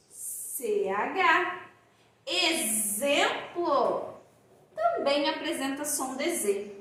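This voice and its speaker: High-voiced teacher in an echoey room. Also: female voice, sharp tone. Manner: slow, drawn-out dictation of words. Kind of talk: primary school phonics lesson.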